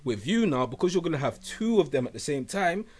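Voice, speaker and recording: A man's voice: a little high, very animated, a little fast, a little mellow. A man with a London roadman accent, chatting casually and using street slang. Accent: London, urban street slang style. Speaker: father of two. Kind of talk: casual group chat.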